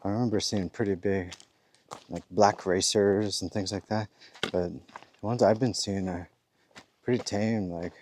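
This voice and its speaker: Low-voiced guy chatting as he walks a trail outdoors, laid back, rambly. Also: steady tone, a little slow, long pauses, a little mellow, a little hiss or hum. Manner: rambling, easygoing, with chuckles; talking while walking. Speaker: thru-hiker vlogger. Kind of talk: casual walking vlog.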